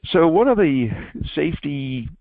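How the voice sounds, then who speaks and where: A man's voice: fairly high pitch, sing-song, measured pace, creaky, no echo. A man giving a technical presentation, with frequent fillers and the odd self-deprecating joke. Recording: tinny phone-like line, dry.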